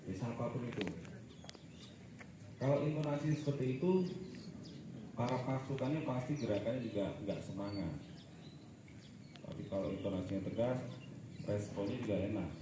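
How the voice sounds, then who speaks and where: A man's voice: mid-range voice, normal speed, long pauses. A man firmly lecturing and correcting students at a school assembly, with casual asides. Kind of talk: lecturing, giving instructions. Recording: echoey, far from the mic, noisy.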